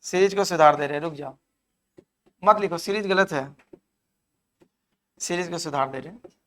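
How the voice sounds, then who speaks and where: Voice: mid-range voice, normal speed, fairly bright tone. A reasoning teacher, giving a live classroom lecture, counting aloud and urging students to answer. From Jharkhand.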